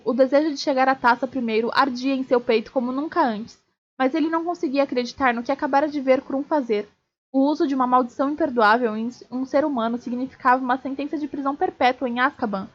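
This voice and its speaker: A woman streamer reads a novel aloud at a steady clip and now and then trips over a word and starts it again. Her voice is high. The stream audio is dull and lo-fi. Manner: steady reading with small slips and restarts. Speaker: streamer reading a book aloud. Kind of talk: live read-aloud of a novel.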